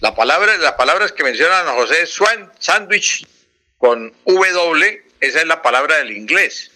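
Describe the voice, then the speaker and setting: A man on a radio language segment, explaining the right spelling of words and repeating them slowly and emphatically. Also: on the high side, lively intonation, bright, forceful tone. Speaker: language expert guest.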